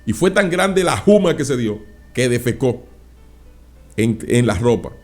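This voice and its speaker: A male pastor preaching a sermon, dropping frequent interjections of praise and acting out anecdotes with loud exclamations. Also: medium pitch, big pitch swings, unhurried, faint music behind.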